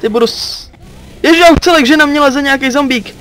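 Teen male let's-player from Czechia, very high and bright, jumpy, curses at monsters. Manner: jumpy, yelps and curses at enemies. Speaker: gaming channel host. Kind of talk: let's play commentary.

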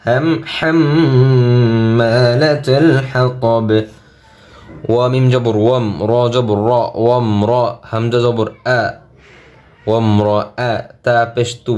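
Bangladeshi guy teaching quran letter by letter, mid pitched voice, real slow and stretched out. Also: mellow. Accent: Bangladeshi Bengali. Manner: slow, drawn-out chanting of verses between quick spoken explanations. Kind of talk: spelling-out Quran recitation lesson.

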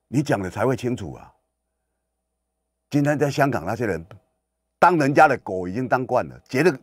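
A man's voice: mid-range voice, no room sound, studio quality. A man hosting political commentary on the radio, lecturing emphatically and firing rhetorical questions at his listeners. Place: radio studio.

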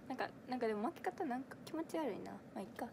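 A bright, high-pitched young woman in her twenties speaks with a strong Kansai accent. She chats on a livestream in a giggly, rambling way, answering viewer comments one after another close to the mic. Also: animated, fast talker, gravelly, noisy background. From Kansai, Japan. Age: 20s. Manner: chatty and giggly, many fillers, answers comments as she reads them. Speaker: idol audition livestreamer. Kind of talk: casual livestream chat reading viewer comments.

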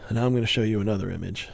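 Low gravelly man rambling wryly. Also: no echo. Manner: rambling, wry asides, self-interrupting. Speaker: board game reviewer. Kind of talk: casual review commentary.

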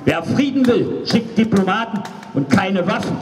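At a nighttime street rally on a cobbled town square, a man in his fifties delivers an emphatic, declamatory political speech, partly reading from notes. His high, expressive voice moves at a moderate pace through a handheld microphone and loudspeaker, captured by a distant camera. The outdoor PA sound is echoey, with heavy background noise.

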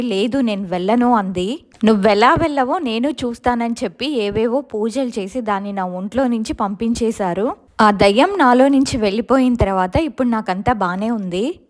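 A woman narrating a viewer's real ghost experience in the first person as a storytelling channel host, slowing for the scary parts. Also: mid-range voice, a little mellow.

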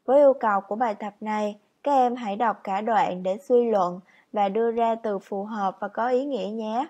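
A woman teacher narrating a scripted lesson for children, instructive, reading example sentences out slowly like dictation. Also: medium pitch, dark tone, dull audio. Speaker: primary school teacher. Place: voice-over on lesson slides.

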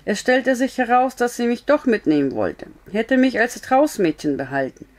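A woman's voice: a little high, very animated, moderate pace, voice pushed up. A woman playing a timid tearful girl.

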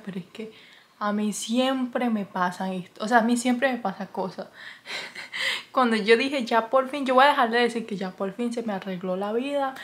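A woman vlogger casually telling a story to her camera indoors, chatty and full of fillers. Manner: chatty, full of fillers, exclaims in high yelps. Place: indoors, wrapped in a blanket in a cold room.

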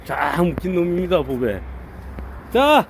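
A man's voice: high-pitched, very animated, a little slow, vocal fry, slight background noise. A man filming his dogs, giving a chatty running commentary and calling out to them between laughs. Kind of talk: casual running commentary to camera.

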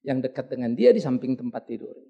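Middle-aged guy preaching, husky voice, super lively up and down, chatty slangy sermon stories. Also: medium pitch, fast talker, muffled recording. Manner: animated, colloquial, mixing in English words; dramatic swings between quiet asides and loud outbursts. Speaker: pastor. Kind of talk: storytelling sermon. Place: church service.

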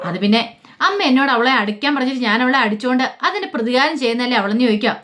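A woman's voice: a little high, rapid-fire, a bit bright, lightly acted. A woman voicing a harsh, scolding older mother-in-law who scoffs and grunts as she talks, in a spoken storybook. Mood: scheming. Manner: scornful, grunting "hum".

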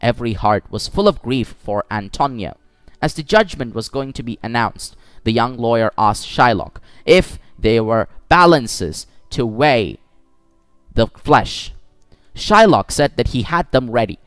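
Expressive male storyteller, smooth and dry. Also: medium pitch, measured pace, no echo, faint music behind. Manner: expressive storytelling with occasional slips. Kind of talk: story narration for schoolchildren.

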